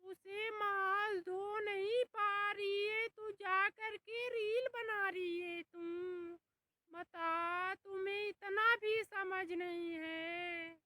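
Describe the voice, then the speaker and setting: Lady voicing a whiny old cartoon mother-in-law, super high and bright, drawls slow. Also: steady tone, a little hiss or hum, heavily acted. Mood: nagging. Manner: scolding, shrill. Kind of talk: comic cartoon dub.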